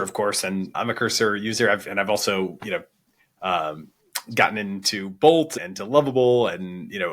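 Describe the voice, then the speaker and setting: This is a man with a lowish, fairly bright voice hosting a podcast. He conducts an informal, conversational interview, thinking aloud as he works out his questions.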